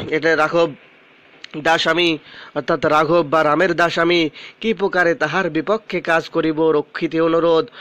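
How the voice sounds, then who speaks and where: Man slowly explaining a poem, dry sound. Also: a little high, fairly bright tone, dry recording, dull audio. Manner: reads verse lines slowly, then explains each word. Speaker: teacher. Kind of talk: line-by-line poem explanation lesson.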